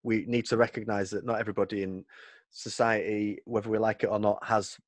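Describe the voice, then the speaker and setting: A man's voice: lowish voice, flat delivery, no echo. A man with a Northern English accent, a guest in a podcast interview, talking casually and restarting his sentences often. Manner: halting, repeats words, restarts often. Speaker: guest, policy advocate.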